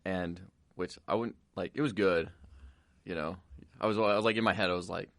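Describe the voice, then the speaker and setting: A man's voice: deep voice, steady tone, fairly quick, gravelly, dry recording, studio quality. A young man hosting a podcast, chatting in a laid-back, rambling way with lots of fillers. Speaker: podcast host. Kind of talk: casual chat.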